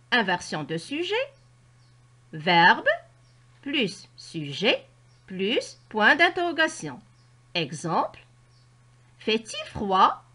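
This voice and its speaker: Woman teacher, Moroccan French accent, high and very lively pitch, careful classroom explaining. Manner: slow, carefully articulated explanations. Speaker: primary school teacher. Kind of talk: grammar lesson narration.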